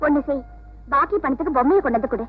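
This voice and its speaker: A woman playing a gentle, caring wife in 1970s film style. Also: high-pitched, lively intonation, rapid-fire. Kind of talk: 1970s Tamil film acting. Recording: tinny old film soundtrack with loud music.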